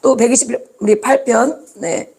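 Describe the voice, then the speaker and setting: Gravelly-voiced woman pastor preaching. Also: fairly high pitch, steady tone, moderate pace, darkish tone. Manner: asks the congregation rhetorical questions, repeats phrases for emphasis. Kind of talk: sermon.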